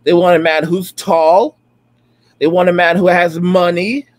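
A man near forty with a high-pitched voice delivers emphatic, repetitive commentary over video clips. He hammers his points home again and again in a preachy tone, streaming from a room at home. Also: fairly even intonation, unhurried, no room sound. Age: late 30s. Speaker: reaction streamer.

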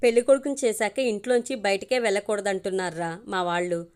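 A woman's voice: medium pitch, steady tone, brisk, a little mellow, lightly acted. Woman voicing a fretful young groom. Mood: anxious. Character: anxious young groom, pleading with his best friend.

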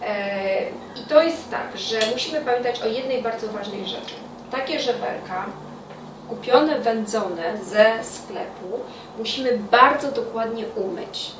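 A middle-aged woman hosts a home cooking show, informally walking the camera through a recipe in a halting way with pauses mid-sentence, her voice on the high side. She's indoors in a small kitchen by a window, with the camera sitting on the counter a step away. The distant mic picks up an echoey room and loud kitchen noise.

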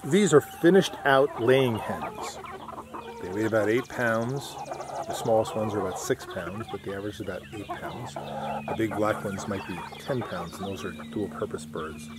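With a lowish voice at a normal speed, a male farmer casually walks viewers through an unscripted how-to demonstration, speaking plainly and folksily. He's outside on a farm near a concrete patio and pens, where chirping birds, clucking and clicks make for a noisy recording.

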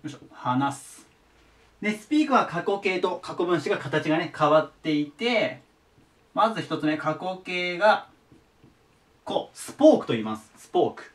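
A man's voice: sits high, expressive, a little slow, far from the mic. A man teaching English verbs to students, patiently repeating each word form. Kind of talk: explaining English vocabulary to students.

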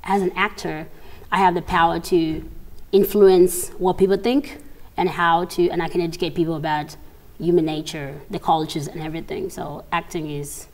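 A young woman from South Sudan sits on a studio sofa and talks through her story with quick laughs and little acted-out quotes. Her voice sits slightly low for a woman. It has the easy pace of a casual interview. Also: level tone, a little mellow. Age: young adult. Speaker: actress, interview guest. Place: TV studio set, seated on a sofa.

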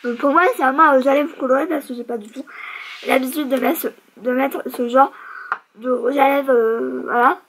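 A young woman with a high, slightly husky voice talks casually through her favourite beauty products. She rambles in a chatty, self-mocking way, full of little hesitations. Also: steady tone, moderate pace, a bit bright, rough recording. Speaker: beauty vlogger. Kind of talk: casual product review chat.

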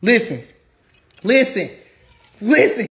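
A high-pitched man in his late thirties riding a hyped livestream rant. He is a former boxer, and he talks brash and loud, trash-talking and calling people out, sometimes shouting. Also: big pitch swings, slow, vocal fry.

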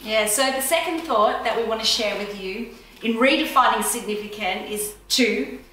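A woman's voice: on the high side, normal speed, sharp tone, a little hiss or hum. A woman co-preaching a sermon, earnestly reading scripture aloud. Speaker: pastor's wife co-preaching. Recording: echoey room, voice from far off.

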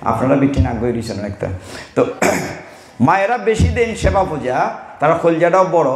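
A man's voice: fairly high pitch, darkish tone. Echoey preaching man. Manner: teasing, folksy preaching with slow Sanskrit recitation. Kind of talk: devotional sermon. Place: devotional gathering hall. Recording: roomy hall echo.

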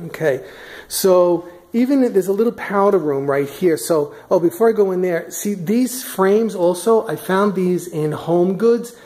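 Walking room to room through a large furnished house, a vlogger films a casual tour on a handheld camera, staying off screen. Her lowish, mellow voice moves at a measured pace, chatty and packed with fillers and restarts.

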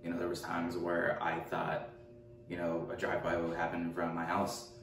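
A man in his twenties from Richmond, California, answers documentary interview questions hesitantly, restarting and using many fillers, while seated in a room at home. His low voice is a bit bright, completely flat, at a moderate pace. A distant camera mic gives roomy echo and a faint hum.

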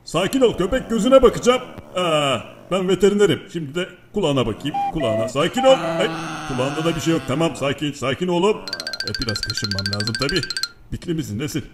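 A man's voice: on the high side, big pitch swings, quick pace. A man dubbing a grumpy, easily startled pet in a comic video, grumbling and throwing crude insults. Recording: music behind.

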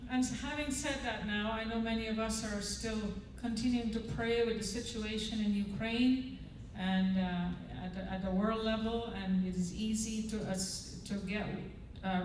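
An older woman leads a chapel devotional and prayer, earnest and conversational, often asking the audience to agree. Her voice sits at a middle pitch and rings through a large, very echoey hall. It sounds picked up from some distance, with faint room hum behind her. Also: steady tone, unhurried, hardly any pauses. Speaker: chapel speaker. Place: large church auditorium stage. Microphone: handheld microphone. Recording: echoey hall, mic heard from afar.

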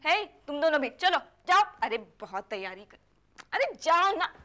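An actress playing a gentle, self-sacrificing elder sister in a TV serial drama. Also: female voice, high-pitched, sing-song, normal speed. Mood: playful. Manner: gentle, wistful, then coaxing. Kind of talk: TV serial acting.

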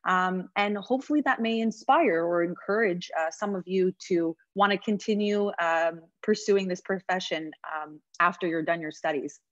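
A woman's voice: lowish voice, moderate pace, hardly any pauses, no echo. Woman from Montreal giving a talk over a video call. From Montreal, Canada. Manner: conversational, with frequent fillers and self-restarts. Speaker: guest speaker, news reporter. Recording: dull dry video-call audio.

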